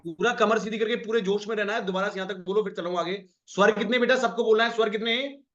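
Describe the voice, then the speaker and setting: High-voiced coaxing male teacher. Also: steady tone, quick pace, a bit bright, dull audio. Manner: coaxing, repeats points and calls on students by name. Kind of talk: online class lecture.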